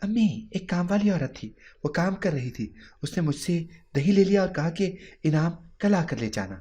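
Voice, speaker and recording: A man voicing a calm, guarded young daughter in a story, speaking quietly. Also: a little high, pitched above the performer's own voice, natural voice.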